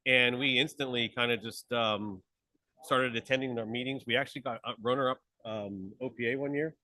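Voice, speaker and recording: A man's voice: mid-range voice, steady tone, moderate pace, sharp tone, dry recording, rough recording. A man from Pittsburgh, the conference chair, chatting in a live interview with an upbeat, enthusiastic, rambling manner. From Pittsburgh, USA. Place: conference hall table.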